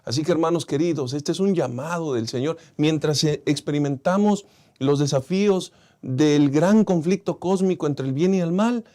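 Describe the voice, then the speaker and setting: A man's voice: fairly high pitch, moderate pace. A man with a Mexican Spanish accent, hosting a church lesson program and giving an encouraging pastoral closing. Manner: warm pastoral wrap-up, encouraging. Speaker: program host.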